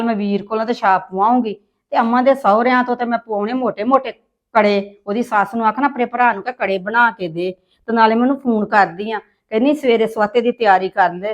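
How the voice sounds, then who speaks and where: A chatty relative from a home drama, played by a woman. Her voice sits at a middle pitch and she talks on in an easy, relieved way. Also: muffled recording, lightly acted. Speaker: relative on the phone in a family drama. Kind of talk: acted family drama dialogue.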